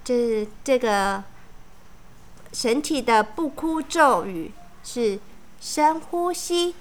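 A woman reading a children's picture book aloud in a slow, animated storytelling manner. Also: fairly high pitch.

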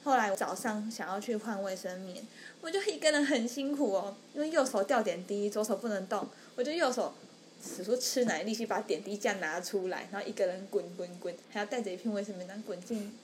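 A woman's voice: mid-range voice, fairly quick, slight background noise. A young woman, telling a story on a podcast and acting out the people she quotes. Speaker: podcast co-host. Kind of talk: casual storytelling chat.

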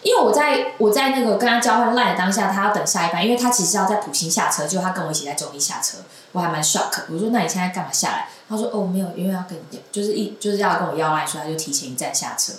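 A woman's voice: lowish voice, lively intonation, rapid-fire, hardly any pauses, slight background noise. Giggly woman rambling in an echoey room. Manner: rambling storyteller, giggles often. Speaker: guest. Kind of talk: casual chat. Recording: roomy echoing room.

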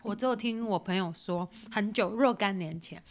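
A woman's voice: mid-range voice, moderate pace, slight background noise. A young woman from Taiwan, co-hosting a podcast in giggly, teasing casual chat. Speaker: podcast co-host.

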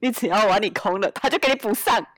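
A woman's voice: mid-range voice, quick pace, a bit bright, no echo. A woman co-hosting a casual podcast chat, asking questions and teasing with dry replies. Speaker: podcast co-host.

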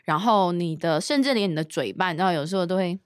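A woman telling a story in a casual chat, her pitch swinging widely as she gets into it. She drops English words into her sentences now and then. The recording is close and dry, with no room sound. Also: lively intonation, quick pace, no room sound.

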